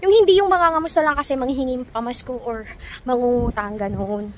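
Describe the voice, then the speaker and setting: Heavy background noise surrounds a high-pitched, fairly quick voice. She's a young Filipina vlogger outdoors in cold weather, sick and worn down yet chatty, telling stories to viewers and laughing often.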